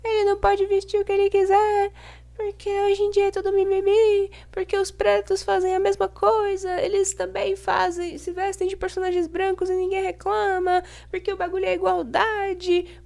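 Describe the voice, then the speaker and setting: Woman acting whiny complainer, very high voice, exaggerated indignation, sarcastic vlog parody. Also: little pitch movement, moderate pace, vocal fry, darkish tone. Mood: mock indignant. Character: mocking, whiny defender of racist double standards.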